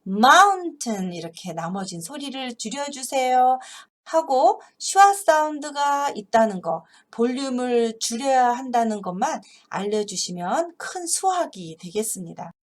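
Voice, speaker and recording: A woman gives a phonics lesson for teachers in a fairly high voice that rises and falls a great deal. She takes her time, explaining patiently and drawing out each example word with care. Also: big pitch swings. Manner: explains patiently, then reads example words slowly and carefully. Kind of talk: instructional video lesson for teachers.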